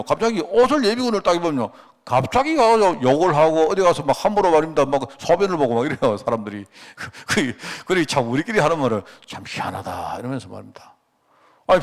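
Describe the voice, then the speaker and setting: Man, middle-aged pastor, sermon, lively swooping delivery, slightly high voice, rhetorical questions. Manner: conversational preaching with rhetorical questions and anecdotes; acts out quoted dialogue. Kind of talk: sermon at a Friday prayer meeting.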